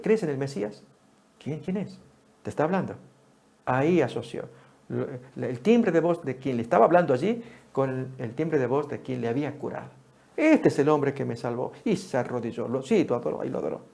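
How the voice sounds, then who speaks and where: A male preacher with a gravelly, dark-toned voice delivers an animated Bible study sermon. He calls out to his listeners as friends and leaps up in pitch when he quotes a speaker. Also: fairly quick. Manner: animated, rises sharply for quoted speech, addresses listeners as friends.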